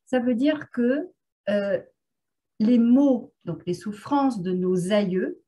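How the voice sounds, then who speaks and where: A woman's voice: on the high side, takes it slowly, dark tone. A woman therapist talking casually on a video call, hesitant and full of filler sounds. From France. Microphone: video call microphone.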